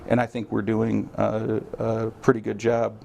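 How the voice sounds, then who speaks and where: A man's voice: on the low side, monotone, unhurried, creaky, a little mellow, slight background noise. A man speaking as a city official in a news interview, explaining figures steadily with some fillers.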